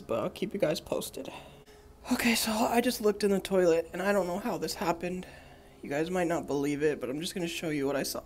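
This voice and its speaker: A young man in his twenties talks straight into a phone held close, delivering a crude, deadpan food review. He stays dry and matter-of-fact at an everyday pitch, with a faint room noise behind him. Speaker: comedy vlogger. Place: small indoor laundromat by a window. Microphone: phone camera held close.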